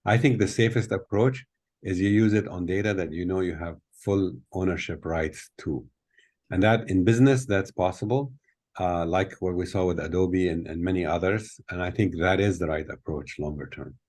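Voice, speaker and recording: Older male guest speaker, very low voice, explains thoughtfully, fillers, laptop mic in a hotel room. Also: normal speed, a little mellow. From Tunisia. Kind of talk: video call Q&A. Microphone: laptop webcam on video call.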